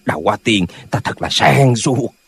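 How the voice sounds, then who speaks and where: A man voicing a band of quarrelsome, pedantic old martial-arts brothers in an audiobook, with a husky voice. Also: medium pitch, lively intonation, normal speed, a bit bright, exaggerated voice. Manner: bickering, pedantic, squabbling.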